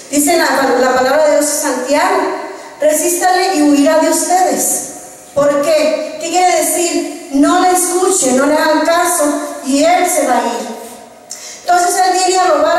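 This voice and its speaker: A woman's voice: high-pitched, darkish tone. A woman with a Mexican accent preaching a sermon, putting rhetorical questions to her congregation. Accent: Mexican Spanish. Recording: distant echoey hall recording.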